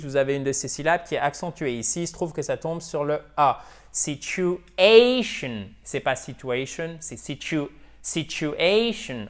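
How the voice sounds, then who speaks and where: A man teaching English in a video lesson, drilling pronunciation by repeating words and checking in with "ok?". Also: a little high. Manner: switches between French and English.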